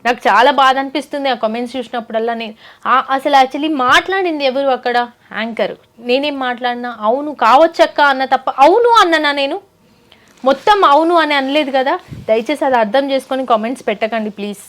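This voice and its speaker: A young woman answers interview questions in an earnest, pleading way, close to tears. Her voice sits a little high. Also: fairly quick, fairly bright tone. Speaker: folk singer, interview guest.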